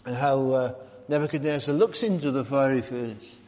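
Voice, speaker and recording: A man preaches a sermon in an easy, conversational way, often turning to ask his listeners questions. His voice sits in a middle pitch, and a long hall reverb trails each phrase. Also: moderate pace, darkish tone. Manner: conversational, asks the listeners questions, frequent ums and restarts.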